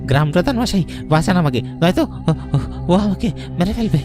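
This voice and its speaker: A man's voice: high-pitched, expressive, fast talker. A man playing a panicky, pleading villager in a cartoon ghost story, stammering and frantic. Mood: terrified pleading. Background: prominent background music.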